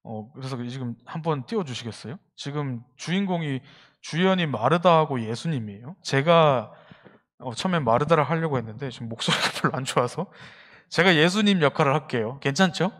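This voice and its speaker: A man's voice: mid-range voice, animated, a little fast, fairly bright tone. A young man preaching a youth sermon in a church hall, engaging the congregation with questions. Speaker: youth pastor.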